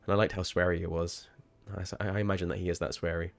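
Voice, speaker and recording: In a casual livestream chat over a game, a man rambles and swears with a low, creaky voice and flat, rapid-fire delivery. Every so often he lets out a sudden, startled outburst.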